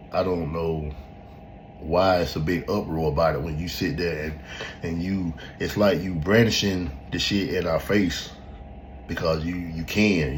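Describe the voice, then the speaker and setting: A man's voice: low voice, a little hiss or hum, rough recording. A man hosting a podcast, talking in a blunt and emphatic way with casual swearing, giving his opinion in a loose, unscripted chat. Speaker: podcast host. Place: at home in front of a laptop.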